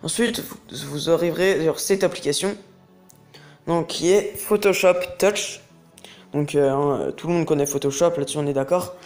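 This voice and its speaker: In this casual screen-recorded walkthrough, a young host explains a phone app step by step at a normal speed. The medium-pitched voice carries a darkish tone over soft background music, and the talk is chatty and rambling, with frequent hesitations.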